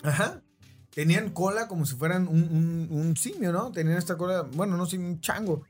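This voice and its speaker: A man's voice: high voice, brisk, faint music behind. Rambling Mexican man telling a story. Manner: rambling, keeps checking in with listeners. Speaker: podcast host. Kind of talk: casual storytelling.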